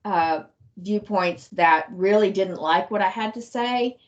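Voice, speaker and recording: A woman's voice: mid-range voice, takes it slowly. A woman author from Texas, talking reflectively about her book and thinking aloud with many restarts. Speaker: guest author. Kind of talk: casual discussion on a video call. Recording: muffled lo-fi call audio.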